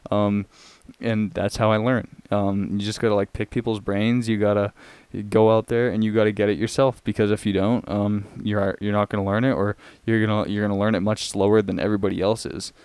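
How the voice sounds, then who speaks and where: A young man hosting a casual solo podcast, talking in a rambling, halting way. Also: lowish voice, level tone, darkish tone, smooth, no echo. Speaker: podcast host.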